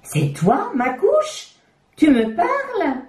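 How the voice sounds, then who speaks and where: A woman's voice: wildly swooping pitch, drawn-out words, darkish tone, roomy sound, full character voice. A woman doing an eager little chick girl. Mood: puzzled. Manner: high, eager childlike voice.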